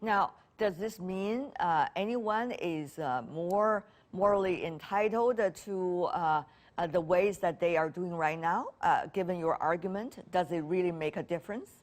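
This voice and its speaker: A woman's voice: on the low side, unhurried. Woman interviewer asking careful questions. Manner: thoughtful, hesitant with fillers.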